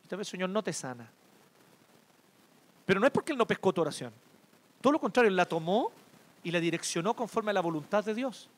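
Male preacher, Chilean accent, high and very lively pitch, expressive sermon delivery. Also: fast talker, pauses often. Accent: Chilean Spanish. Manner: expressive, swings between loud emphasis and hushed tenderness. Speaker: pastor.

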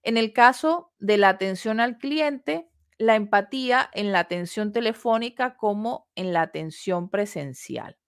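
A woman instructor delivering a recorded lesson at a medium pitch. She explains each point in a measured, patient way, pausing between phrases and posing rhetorical questions to the listener. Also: expressive, clean tone. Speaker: course instructor. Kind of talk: recorded lecture on customer service.

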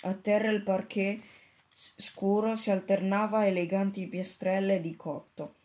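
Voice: mid-range voice, little pitch movement, measured pace, a little mellow. A narrator reading a children's book aloud steadily, with small slips. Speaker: audiobook narrator.

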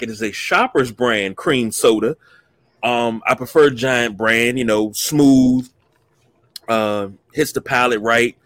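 A man's voice: mid-range voice, a bit bright, no echo. A man hosting a podcast, chatting casually in a folksy, jokey storytelling way. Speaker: podcast host. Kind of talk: casual chat.

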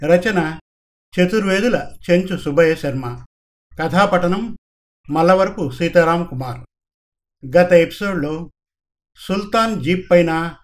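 A man narrating a serialized story in a steady, measured reading style. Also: on the high side.

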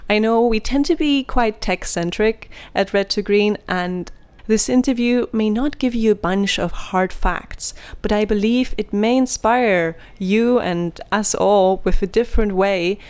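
A woman hosting a podcast, telling a story in a lively, giggly way before introducing her guest. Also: mid-range voice, measured pace, clean tone. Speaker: podcast host. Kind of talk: scripted narration.

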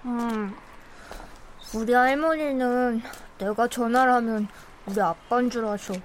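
Woman as a wistful young boy, radio drama, slightly high voice. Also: steady tone, unhurried, slight background noise, natural voice. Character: sad young boy missing his father.

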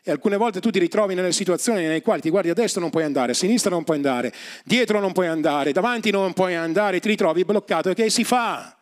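A man preaching a sermon as pastor, moving from hushed, intimate lines to rising, emphatic refrains. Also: sits high, fast. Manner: repetitive, building refrains. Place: church.

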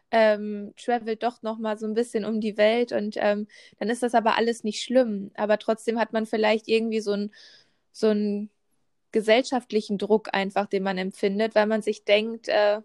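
In a casual chat, a pregnant woman in her twenties talks in a medium-pitched, slightly mellow voice. She's chatty, full of fillers and restarts.

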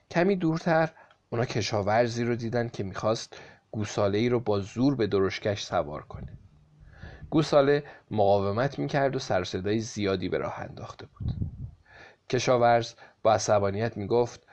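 A man narrating a folk tale in a calm, steady storytelling voice. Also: on the low side.

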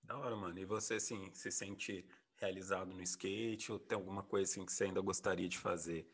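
A man's voice: sits low, steady tone, a little fast, breathy edge. A man interviewing a skater in an easygoing, slangy way. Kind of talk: casual interview chat.

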